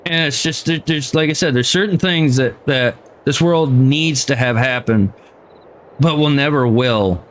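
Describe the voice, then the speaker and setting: A man's voice: mid-range voice, a little slow, a little hiss or hum. A man streaming a game, ranting heatedly in casual chat and swearing freely. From United States.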